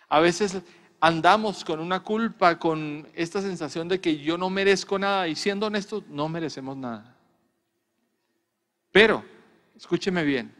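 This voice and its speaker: A man preaches in church with a high, ringing voice. He drives his message home by repeating phrases with rising emphasis. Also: a bit bright, long reverb tail. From Colombia. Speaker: pastor. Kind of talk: sermon.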